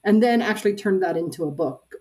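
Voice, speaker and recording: A woman's voice: on the low side, animated, a little fast, darkish tone, poor audio. A middle-aged woman, a church peace minister, speaking earnestly as a podcast guest with frequent fillers. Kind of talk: casual interview talk.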